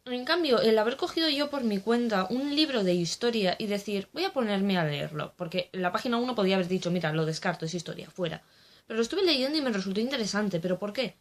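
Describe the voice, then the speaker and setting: A woman's voice: a little high, expressive, fast, hardly any pauses. A young woman from the Basque Country talking candidly in a casual monologue, blunt and sprinkled with swearing. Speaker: vlogger.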